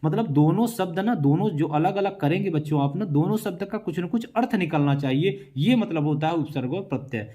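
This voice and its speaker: A man's voice: a little high, animated, brisk, hardly any pauses, mellow. A male teacher giving an exam-prep lesson in a casual way, answering his own questions in his students' voice and drilling word splits over and over. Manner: talks to students, voices their replies himself; casual, says "yaar" often.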